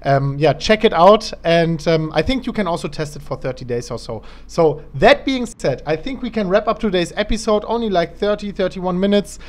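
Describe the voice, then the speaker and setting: A man with a fairly high voice acts as show host. He talks conversationally, as in a casual interview. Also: animated, moderate pace, hardly any pauses.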